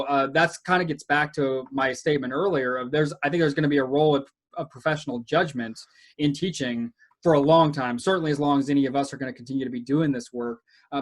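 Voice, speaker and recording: A man speaking as an education researcher on a panel, earnest and measured, with frequent fillers. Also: mid-range voice. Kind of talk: casual panel discussion.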